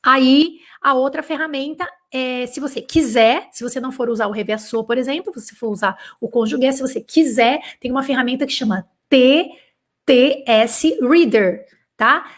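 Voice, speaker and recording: High-voiced Brazilian woman teaching French. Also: fairly even intonation, brisk, hardly any pauses, fairly bright tone. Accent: Brazilian Portuguese. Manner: chatty, blunt, exasperated bursts, filler-heavy. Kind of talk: live online lesson.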